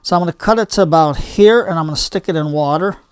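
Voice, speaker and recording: An older man with a slightly high voice talks through a hands-on demonstration in a casual, homespun way. He wanders into chatty asides as he goes. The sound is fairly dry and close. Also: quick pace, smooth, no echo. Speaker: bonsai hobby video host.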